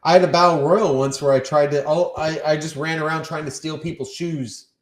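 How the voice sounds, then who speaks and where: Male wrestler guest, lively storyteller, a bit high, roomy echo. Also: a little fast. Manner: animated storyteller, acts out his own shouted lines. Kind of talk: casual podcast chat.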